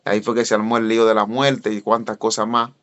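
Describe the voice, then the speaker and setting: A man, an evangelist telling a story in a sermon and speaking straight to his listeners. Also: fast. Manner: animated, addresses listeners directly, voice jumps high when excited. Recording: dull lo-fi recording.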